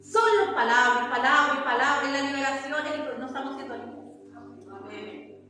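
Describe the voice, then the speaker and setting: A woman's voice: sits high, moderate pace, bright, forceful tone, faint music behind. A woman preacher, delivering a sermon and firing repeated rhetorical questions at the congregation. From Colombia. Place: church hall. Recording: echoey church hall with long reverb.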